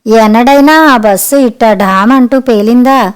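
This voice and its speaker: A woman voicing a pious, easily alarmed old mother-in-law in a storybook reading, with sudden high exclamations. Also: measured pace, smooth, lightly acted. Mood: grumbling.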